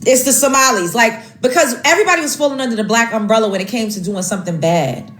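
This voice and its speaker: An American woman talks straight to camera in a casual commentary style, emphatic and piling up list after list with plenty of fillers and restarts. Her voice sits a little high, and the room rings with echo while faint music plays underneath. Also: fast talker. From United States. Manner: emphatic, lists grievances, many fillers and restarts. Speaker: social media commentator.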